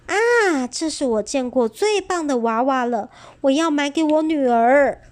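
Excited shopper mom, high and gushing; woman reader. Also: a little slow. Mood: delighted. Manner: gushing, delighted.

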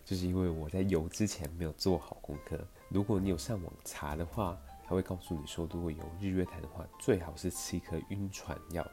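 Man, Taiwanese Mandarin accent, young adult, rambling storyteller, deep voice, soft music underneath. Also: steady tone, fairly quick, few pauses. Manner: chatty, meandering, with many fillers. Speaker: podcast host. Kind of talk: casual personal storytelling.

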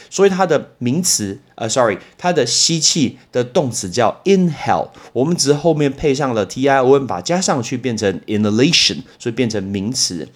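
Male podcast teacher, Taiwanese Mandarin accent, casual lesson, lively storyteller who drags out and repeats key words. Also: mid-range voice. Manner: slows down to repeat and spell English words. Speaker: English teacher and podcast host. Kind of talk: casual vocabulary lesson with anecdotes.

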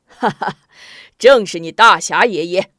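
A woman's voice: on the high side, brisk, a little mellow, slightly rough, dry recording, clean studio sound. Brief: fearless old male swordsman, hearty and defiant, voiced by a woman narrator. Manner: bold, hearty.

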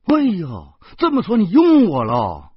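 A man voicing a stubborn middle-aged woman who pushes to be hired as a maid, in an insistent, shrill manner. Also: sing-song, measured pace, slightly rough, no room sound, exaggerated voice. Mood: eager. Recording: muffled lo-fi recording.

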